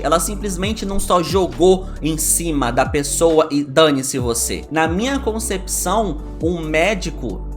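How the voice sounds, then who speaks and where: Young male vlogger, slightly high voice, candid storyteller, soft music bed. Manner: emotional, candid, acts out both sides of conversations. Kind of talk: personal storytelling vlog.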